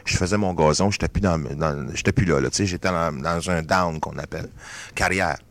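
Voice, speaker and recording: A man's voice: deep voice, brisk, fairly bright tone. A Canadian singer with a Québécois accent, talking in a loose, rambling way and slipping English phrases into his French during an interview. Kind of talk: casual interview talk.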